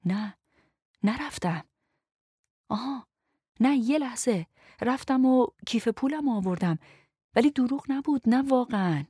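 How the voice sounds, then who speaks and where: A woman reading a young man's lines in a low, urgent murmur, pleading and defensive. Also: lively intonation, long pauses, mellow, slightly rough, no echo, clean studio sound.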